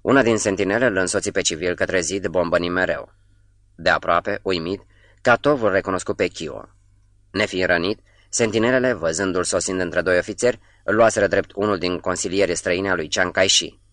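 A man reading a novel aloud in a measured, sombre way, dropping almost to a whisper on the quietest lines. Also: sits low, dry recording, studio quality. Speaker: narrator. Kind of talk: literary audiobook reading.

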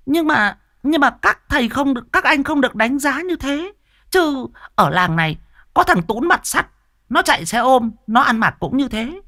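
A man voicing a loud, fawning middle-aged village woman who chatters in a shrill tone. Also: no room sound, clean studio sound, full character voice.

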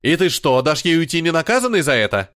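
A man voicing Ragen, a violent, hot-tempered male protector who snarls and shouts fast, in an audiobook. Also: on the high side, big pitch swings, clean tone, voice pushed up. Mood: furious.

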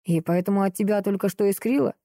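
A woman's voice: medium pitch, fast, mellow, dry recording, clean studio sound, close to an everyday voice. A woman reading the lines of a sly, mocking young blind prince who drawls and teases. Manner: drawling, teasing. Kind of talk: audiobook character reading.

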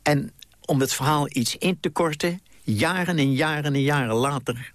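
A man's voice: on the high side, moderate pace, fairly bright tone, dry recording, clean studio sound. A man in his nineties from the Netherlands, telling his memories in a leisurely way on a radio interview and acting out the voices in them. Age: 90s. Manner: leisurely anecdotal telling, acts out quotes. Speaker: guest.

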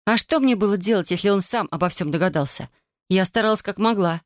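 A woman reads a first-person story aloud as an audiobook narrator. Her delivery is calm and even, with a mid-range voice. The recording is dry and close. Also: medium pitch, fast talker, no echo.

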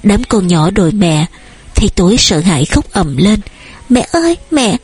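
A woman narrating an audiobook novel in a steady storytelling manner. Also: on the low side, normal speed, breathy edge.

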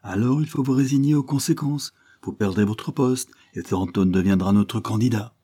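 A man's voice: on the low side, moderate pace, dark tone, natural voice. Man doing a pushy political agent. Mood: pressing. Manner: urgent, pressing tone. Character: insistent male political agent, pressing and persuasive.

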